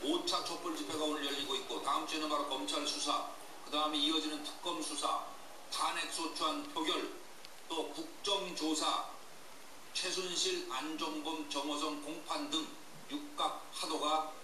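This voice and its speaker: A man's voice: fairly high pitch, steady tone, moderate pace. A man hosting live current-affairs commentary from outdoors at a large street rally. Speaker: host of live rally coverage. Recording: distant, echoey, very noisy outdoor broadcast.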